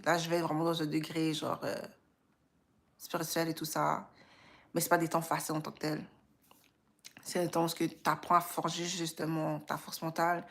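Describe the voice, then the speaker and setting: She's a livestream host from Quebec, Canada, with a Québécois French accent, talking casually and reflectively. Low-pitched and marked by vocal fry, she takes her time and works through her thoughts aloud.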